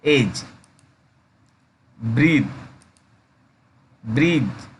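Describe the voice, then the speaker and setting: Slow, deliberate male teacher. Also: medium pitch, expressive, slight background noise. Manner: slow, drawn-out repetition of each word; addresses listeners as guys. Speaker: English teacher. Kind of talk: pronunciation lesson.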